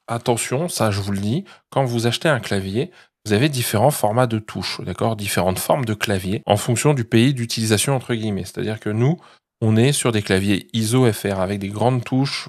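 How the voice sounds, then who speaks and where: A man's voice: on the low side, normal speed, darkish tone. Man, tech review host, casual, explains step by step. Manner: chatty, explains step by step with frequent "d'accord?".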